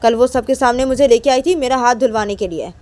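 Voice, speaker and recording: A woman's voice: on the high side, brisk, a little mellow, voice pushed up, close to an everyday voice. A woman voicing a defiant young woman who insistently repeats her warnings to her mother.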